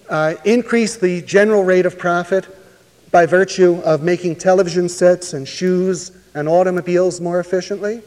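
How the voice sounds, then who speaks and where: A male lecturer speaking with a somewhat high voice, working through his points slowly and deliberately, pausing often to find the next word. His talk carries a long, ringing reverb, as if captured in a large lecture hall. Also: a little mellow. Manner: measured, deliberate explaining with frequent "uh" pauses. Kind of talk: academic lecture.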